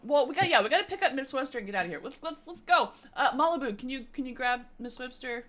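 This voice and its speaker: A woman playing a tabletop game, talking in a lively, giggly way. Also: high voice, fast talker. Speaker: player. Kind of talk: casual tabletop play.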